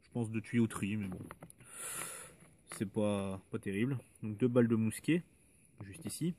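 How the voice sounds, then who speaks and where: A man walking through his metal detecting finds in a relaxed, hesitant way, with many fillers and asides. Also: on the low side, moderate pace, a little hiss or hum. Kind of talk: casual show-and-tell of finds.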